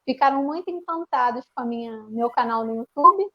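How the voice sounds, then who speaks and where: A woman teacher with a Brazilian Portuguese accent briskly explains a classroom activity over a video call from home as part of an online panel, with lots of restarts and fillers. Her voice sits high, and the audio sounds dull.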